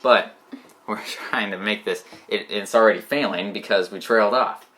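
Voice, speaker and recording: A man's voice: lowish voice, moderate pace, bright, forceful tone. A man co-hosting a casual chat show, joking and rambling as he teases his co-host.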